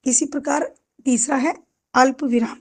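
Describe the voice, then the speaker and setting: A woman teacher walks school students through a grammar lesson, speaking to them fondly as her children. Her voice sits high yet sounds mellow and soft-edged. She keeps asking the class questions and then answers them herself. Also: steady tone, measured pace. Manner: addresses students affectionately as children.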